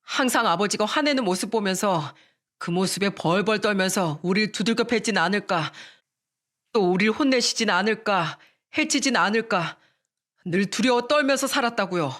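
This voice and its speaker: A woman's voice: mid-range voice, animated, moderate pace, fairly bright tone, natural voice. A woman voicing a hot-tempered younger son who bluntly confronts his father in a radio story. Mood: defiant accusation. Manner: accusing, blunt, insistent.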